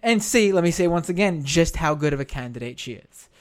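His voice is a little high and expressive, yet hoarse and worn out: an American man hosting a live stream. He speaks casually with halting starts and repeats phrases to stress his points.

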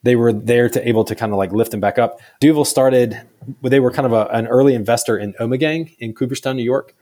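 A man's voice: mid-range voice, fast, mellow. A man answering interview questions about his brewery in a loose, chatty way, full of fillers. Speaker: brewery staff guest.

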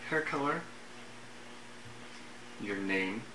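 A man's voice: fairly low pitch, expressive, drawn-out words, far from the mic. A man narrating a tabletop game as the game master. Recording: echoey room with loud noise.

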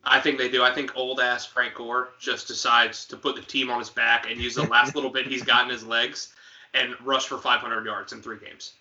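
A man's voice: mid-range voice, level tone, sharp tone, highs cut off. A man co-hosting a podcast, chatting casually about football, quizzing his co-host and tossing in jokes. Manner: quizzing, joking, quick asides. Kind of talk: casual sports chat.

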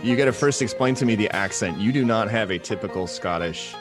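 A man's voice: fairly low pitch, brisk, over loud music. A man hosting a podcast interview, talking enthusiastically and rambling as he tells stories from his home. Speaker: podcast host. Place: home in Hawaii.

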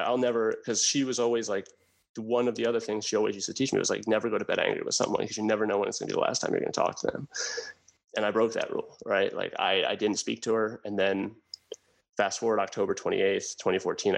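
A man in his thirties from New Jersey, telling his own hard life story as a guest in an earnest, halting way, often restarting his sentences. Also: lowish voice, little pitch movement, vocal fry, low-quality recording. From New Jersey, USA. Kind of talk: candid personal storytelling.

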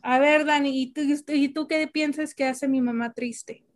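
A woman's voice: high voice, unhurried, slight background noise. A young woman hosting a casual family chat, telling stories with animation and asking questions. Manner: animated storyteller, asks questions. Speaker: podcast host.

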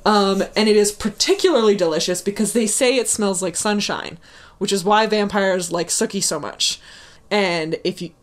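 A woman co-hosting a podcast chats casually at a normal speed in a medium-pitched voice. She gushes and swears, laughs often, and fills her speech with lots of "like"s and "um"s.

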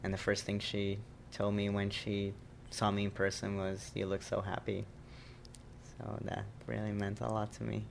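Low, gravelly man. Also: completely flat delivery, moderate pace, a little hiss or hum. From Brazil. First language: Portuguese. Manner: thoughtful, searching for words, laughs lightly. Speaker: oral history interviewee. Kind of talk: reflective personal interview.

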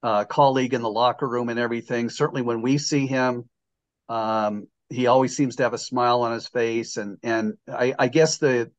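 A man's voice: mid-range voice, steady tone, moderate pace. An older man hosting a casual sports podcast, jokey and rambling, with lots of restarts. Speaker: podcast host.

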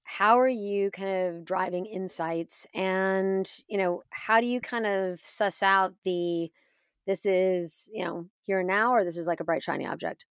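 A woman with a smooth, clear voice that often dips into vocal fry. She asks questions as an interviewer in an informal, enthusiastic style, recorded dry and close. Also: medium pitch, a little slow, no room sound. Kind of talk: casual interview chat.

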